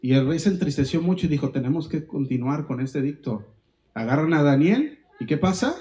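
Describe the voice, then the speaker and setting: Guy preaching, fairly high voice but mellow, reads the bible aloud and keeps asking the church questions. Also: expressive, rough recording. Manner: reads scripture aloud, pausing to quiz the congregation. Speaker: pastor. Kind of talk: sermon.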